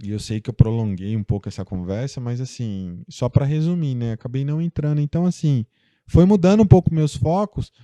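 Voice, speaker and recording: A man's voice: mid-range voice, expressive, brisk, dark tone, dry recording. A young Brazilian man, a guest in a casual interview, telling a personal story in a loose, chatty way full of fillers. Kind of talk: casual conversation.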